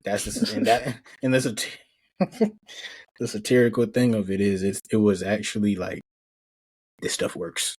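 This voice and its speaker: A man co-hosting a casual movie review podcast, relaxed and agreeing. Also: lowish voice, normal speed, slightly rough. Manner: relaxed, agreeing, short enthusiastic comments. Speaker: podcast co-host.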